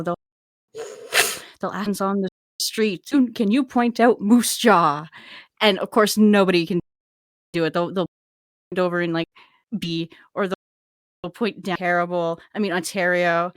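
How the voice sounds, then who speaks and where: A woman's voice: mid-range voice, normal speed, dry recording, studio quality. Joking woman co-host. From Canada. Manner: joking, laughs often, trips over words. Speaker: podcast co-host. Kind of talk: casual chat.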